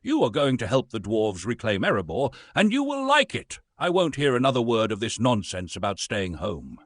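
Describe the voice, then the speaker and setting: A bullying old wizard, as a man acts him out, scolding in a raised, roaring voice that swings widely in pitch. The tone is husky and dry, read close for a storybook. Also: wildly swooping pitch, moderate pace, dry recording. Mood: threatening. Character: furious old male wizard, bullying and stern.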